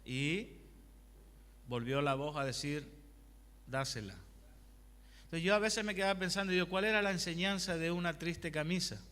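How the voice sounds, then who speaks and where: A man's voice: sits high, normal speed, a bit bright. A male pastor preaching a conversational sermon, asking the congregation questions and telling personal anecdotes. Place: church hall. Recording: long hall reverb.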